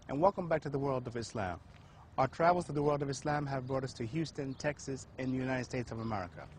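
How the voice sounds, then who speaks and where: A man's voice: a little high, a little hiss or hum. A man hosting an outdoor street interview in a city neighborhood, easygoing, with many fillers and murmured backchannels. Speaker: host.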